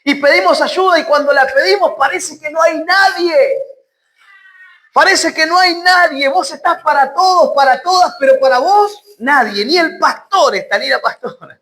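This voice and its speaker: A woman preacher with an Argentine accent giving an emphatic sermon, repeating key phrases and dropping low for emphasis. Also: moderate pace, a bit bright. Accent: Argentine Spanish.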